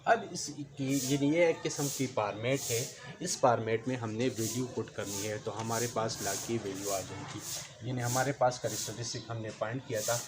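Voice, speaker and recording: A man teaching a math lesson, explaining slowly, repeating each step and counting aloud. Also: mid-range voice. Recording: noticeable background noise.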